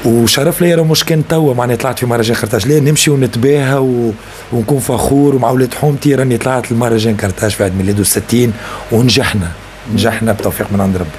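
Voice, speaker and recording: A man's voice: medium pitch, fairly even intonation, racing, a little mellow, a little hiss or hum. A young man with a Tunisian accent, a singer answering interview questions earnestly and often checking that he is understood. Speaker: singer and rapper.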